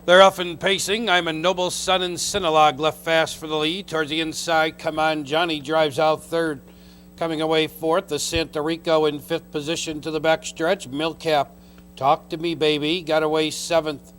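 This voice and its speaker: A man's voice: fairly high pitch, level tone, normal speed, fairly bright tone, slight background noise. A man calling a live harness race as track announcer, in clipped phrases that run through the field and positions. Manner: race-caller delivery in clipped phrases listing horses and positions. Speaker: horse race caller. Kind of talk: live harness racing commentary. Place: racetrack announcer's call.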